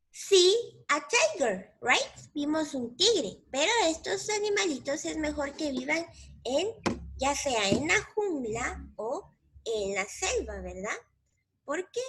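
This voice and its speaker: Slow, high-voiced patient woman teacher. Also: fairly bright tone. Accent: Mexican Spanish. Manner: slow, patient, repeats each word in English and Spanish. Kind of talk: bilingual English lesson for young children.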